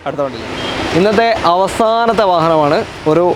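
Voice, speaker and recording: A man's voice: sits high, lively intonation, moderate pace. A man with a Kerala Malayalam accent hosts casually, mixing English car terms into Malayalam and repeating answers back to confirm them. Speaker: host of a used car video show. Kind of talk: casual presenting and questioning. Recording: outdoor street noise, faint traffic.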